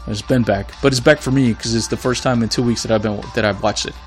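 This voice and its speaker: A fast-talking man with a medium-pitched, steady voice rants over soft background music. He hosts his own podcast from Florida, speaking bluntly and with exasperation despite losing his voice.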